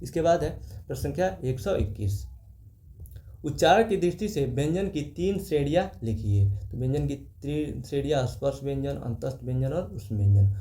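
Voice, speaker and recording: A man's voice: mid-range voice, animated, moderate pace, warm tone. A male teacher reading exam questions aloud and explaining the answers step by step, repeating key terms and pointing things out on the page. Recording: echoey room.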